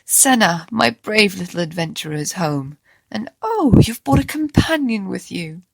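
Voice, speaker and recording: A narrator voicing an overjoyed older father who exclaims loudly, with a gravelly voice. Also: fairly high pitch, expressive, brisk, full character voice.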